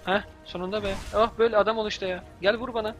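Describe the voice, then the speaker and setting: Excitable young man yelling at a game. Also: high voice, fast talker, soft background music. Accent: Turkish. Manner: yelling and cursing at the game, exasperated. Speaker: gameplay commentator. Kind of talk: let's-play commentary.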